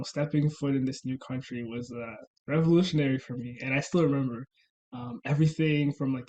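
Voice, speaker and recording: A man's voice: mid-range voice, darkish tone, rough recording. Hesitant young man from Rwanda. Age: young adult. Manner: hesitant, many ums and uhs, laughs often. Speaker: interview guest. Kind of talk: casual interview chat.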